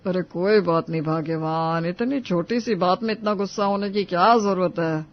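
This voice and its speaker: A man voicing a calm older father-in-law in a cartoon story, mild and placating. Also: high-pitched, normal speed, muffled recording.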